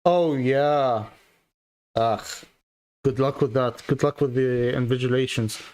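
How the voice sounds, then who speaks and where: A male streamer talks casually to his live audience in a mid-pitched voice. He rambles in a halting way and often circles back to repeat his words. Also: darkish tone, smooth. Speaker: streamer reacting to videos.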